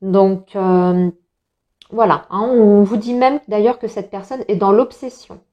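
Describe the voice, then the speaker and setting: Woman, tarot reader, talks to viewers in a loose, reassuring ramble, mid pitch. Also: fairly even intonation, measured pace, highs cut off. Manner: chatty, many fillers and restarts, reassuring. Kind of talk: casual tarot reading for viewers.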